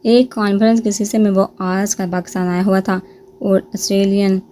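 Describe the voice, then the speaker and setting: Woman reading a novel aloud, mellow. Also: steady tone. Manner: reads all characters' lines in her own voice with small lifts in pitch. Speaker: novel reader. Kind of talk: storybook narration of a romance novel.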